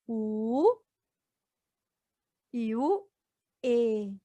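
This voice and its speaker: This is a Brazilian woman with a Brazilian Portuguese accent, speaking at a fairly high pitch in an animated, warm tone. She teaches an adult education video lesson, going slowly through words syllable by syllable for her students. The recording is muffled, with no room sound.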